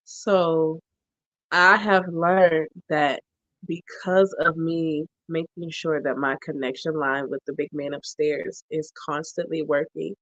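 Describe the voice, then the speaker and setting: A woman hosting a podcast who talks in an animated, playful way, telling her faith story like a testimony. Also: low-pitched, slow pace, no echo, dull audio. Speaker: podcast host. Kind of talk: casual chat.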